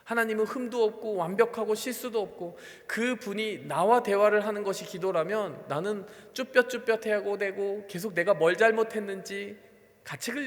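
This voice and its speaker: High-voiced animated male pastor. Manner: animated, acts out quoted prayers with sighs and laughs. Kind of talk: sermon. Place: church sanctuary. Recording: long hall reverb.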